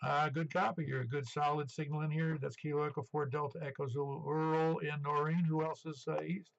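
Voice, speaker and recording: A man in his seventies speaks over a dull, band-limited ham radio. His voice sits a little high for a man and is full of gravelly creak. He runs the net check-in casually, chatting and rambling in an easygoing way. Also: little pitch movement, brisk, slight background noise. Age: 70s. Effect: two-way radio transmission. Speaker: amateur radio net controller.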